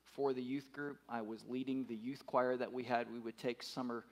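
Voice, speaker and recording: A man's voice: medium pitch, level tone, moderate pace. A man in his fifties preaching a sermon, emphatic, repeating his words and putting questions to the congregation. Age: 50s. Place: church.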